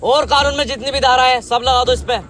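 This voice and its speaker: A man's voice: extremely high pitch, steady tone, fairly quick, over music. A man acting in a comic film spoof, pleading and whining theatrically. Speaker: spoof actor. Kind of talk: comedic Hindi spoof acting.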